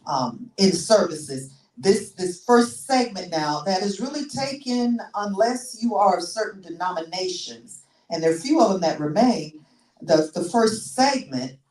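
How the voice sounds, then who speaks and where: Preaching in the church sanctuary, this sixties-aged pastor often restarts and repeats words as she teaches her sermon. Her voice sits lowish and a little mellow, and the far-off mic picks up the room's echo.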